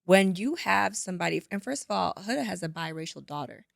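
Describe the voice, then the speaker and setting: A woman's voice: on the low side, fairly quick, vocal fry, no echo, studio quality. A woman co-hosting a podcast, talking through reality TV drama in a casual chat and acting out what others said. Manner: animated, acts out quotes of others. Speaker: podcast co-host.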